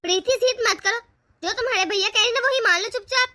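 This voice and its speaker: A woman voicing a gentle young sister-in-law who talks in a soothing, indulgent way, in a homemade family drama. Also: very high-pitched, fast, no echo.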